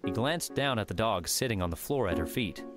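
Man, audiobook narration, steady, low pitch, music bed. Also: fairly quick. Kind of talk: scripted narration.

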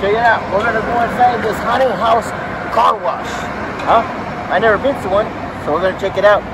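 Excitable high-voiced man vlogging in a car. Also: fairly quick, very noisy. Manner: playful, excitable, keeps saying "bro" and "huh?". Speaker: YouTube vlogger host. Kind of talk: casual vlog chat. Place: in a car at a car wash. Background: loud music.

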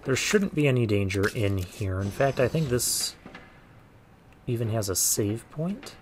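A man's voice: mid-range voice, expressive, a little slow, a little hiss or hum. A man giving casual let's play commentary on a video game, thinking aloud with muttered asides as he goes. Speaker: gaming let's play host.

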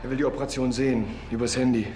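An actor playing a brisk, commanding doctor in a television drama. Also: male voice, mid-range voice, fairly even intonation, warm tone, faint music behind, close to an everyday voice. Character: brisk, commanding male doctor under pressure. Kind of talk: TV drama acting.

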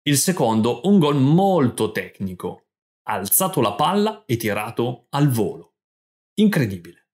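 Guy narrating a scripted story for language learners, short clear sentences, normal pitch. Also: big pitch swings, a little slow, darkish tone. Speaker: podcast host and language teacher.

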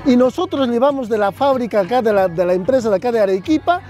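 A man's voice: very high-pitched, animated, fast talker, mellow, dull audio. A man, a municipal official at an outdoor fair giving an earnest press interview, listing items and adding tag questions. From southern Peru.

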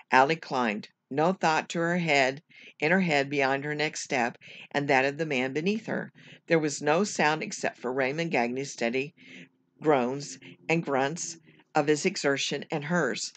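A teacher reading a children's chapter book aloud at home, measured and careful, now and then correcting a slipped word. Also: mid-range voice, fairly bright tone, a little hiss or hum. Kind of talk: storybook read-aloud.

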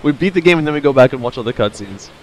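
A man's voice: medium pitch, lively intonation, rapid-fire, low-quality recording. A man in his thirties giving casual, playful live gameplay commentary, thinking aloud as he streams. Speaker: video game streamer.

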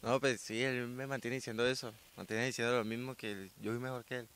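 A sixteen-year-old young man from Colombia, a weightlifter answering interview questions outdoors into a handheld mic, soft-spoken and modest. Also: medium pitch, fairly even intonation, fairly quick. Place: outdoors by a sports ground. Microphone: handheld reporter mic.

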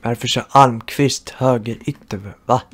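A man giving live commentary over his football video game, cheering his team and groaning at misses. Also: mid-range voice. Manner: excitable, shouts at goals, groans at misses. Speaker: gaming channel host.

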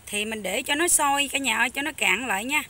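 A young woman with a Southern Vietnamese Mekong Delta accent, chatting loudly and eagerly to viewers while she cooks in a rural hut kitchen. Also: sits high, fast. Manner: loud, chatty, enthusiastic, talks over noisy kids. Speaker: cooking vlogger. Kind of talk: casual cooking vlog chat.

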